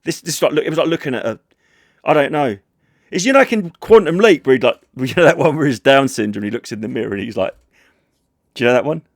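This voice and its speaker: A podcast host talks in a loose, rambling way, swearing and abandoning sentences halfway through. His voice sits at an ordinary middle pitch. The recording is close and dry, with no room sound. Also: fast, dry recording. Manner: rambling, animated, swearing, trailing off mid-sentence. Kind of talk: casual chat.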